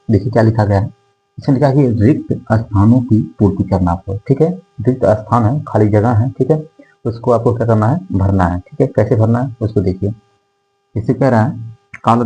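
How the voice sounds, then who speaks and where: A man's voice: fairly low pitch, dark tone, low-quality recording. A male math teacher explaining decimals to a class, reading out numbers digit by digit and checking in with his students again and again. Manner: repetitive, checks in with "theek hai" constantly; dictates numbers slowly digit by digit. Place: classroom with whiteboard.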